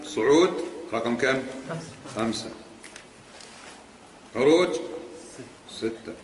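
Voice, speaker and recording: A man's voice: mid-range voice, expressive, slow, slight background noise. A man teaching a lesson on creed, pressing his points with emphatic rhetorical questions. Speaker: religious teacher. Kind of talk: lecture on creed. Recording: echoey hall.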